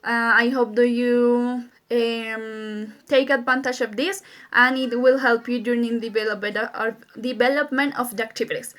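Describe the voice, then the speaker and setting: A woman's voice: a little high, steady tone, unhurried, a bit bright. A woman teaching English grammar to her pupils in a recorded lesson, patient and repeating each key point, spelling letters out.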